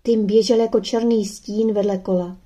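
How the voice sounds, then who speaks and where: Mellow-voiced woman reading a children's story. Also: medium pitch, fairly even intonation, breathy edge. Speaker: audiobook reader. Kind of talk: storybook narration.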